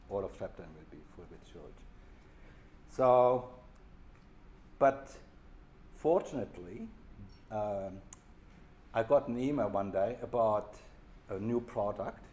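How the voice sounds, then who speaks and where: A man's voice: on the low side, darkish tone. A man with a German accent gives an unscripted workshop update as program leader, restarting phrases and using plain informal wording. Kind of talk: workshop presentation. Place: workshop room.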